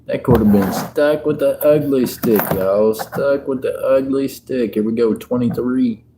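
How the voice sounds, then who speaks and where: Sorting coins on a relaxed livestream, this host in his 50s jokes around and talks with his viewers. He speaks unhurriedly at a medium pitch over a noisy background.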